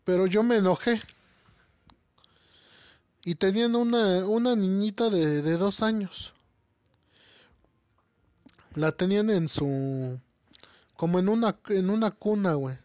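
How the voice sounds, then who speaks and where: Young Mexican man, high voice, dry recording, casual slangy storyteller. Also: slow, long pauses, a little mellow, no room sound. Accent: Mexican Spanish. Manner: slangy, laughing, peppers talk with "güey". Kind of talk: casual chat.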